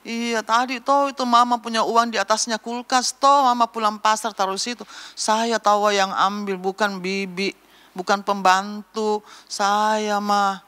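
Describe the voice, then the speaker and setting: A woman's voice: mid-range voice, little pitch movement, unhurried, a bit bright, smooth, natural voice. An older woman voicing a young child who confesses to its mother. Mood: sheepish.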